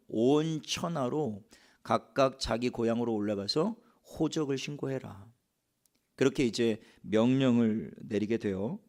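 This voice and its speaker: A man's voice: mid-range voice, mellow. Male pastor explaining scripture step by step. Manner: explains step by step, asks the congregation rhetorical questions. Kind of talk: sermon.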